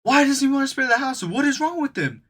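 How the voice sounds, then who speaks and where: A man voicing an exasperated male work manager who fires off incredulous questions in a high, strained voice. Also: lively intonation, fast talker, fairly bright tone.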